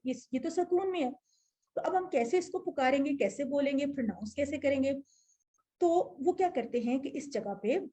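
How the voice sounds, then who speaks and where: Woman, Pakistani Urdu accent, patient teacher explaining Arabic grammar in a high, mellow voice and quizzing her class. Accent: Urdu-speaking, Pakistani. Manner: explanatory, asks the class questions.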